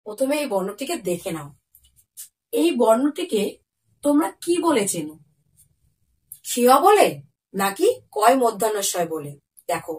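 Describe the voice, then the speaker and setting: A woman with a voice on the high side, recorded from a distance, teaches young children Bengali. She asks the class questions and answers them herself, speaking each example word slowly and clearly.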